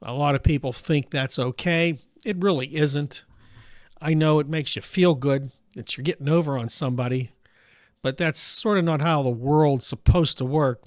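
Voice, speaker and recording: Hosting a political commentary program, the middle-aged American speaks on the high side, hoarse from allergies, at a calm, measured pace full of "uh" fillers. The studio sound is clean, with no room sound.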